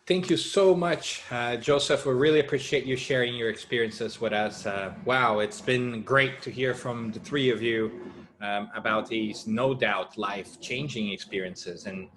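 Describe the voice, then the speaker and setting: A man's voice: mid-range voice, unhurried, a bit bright, a little hiss or hum. A man moderating a panel, thanking a speaker and moving on to questions.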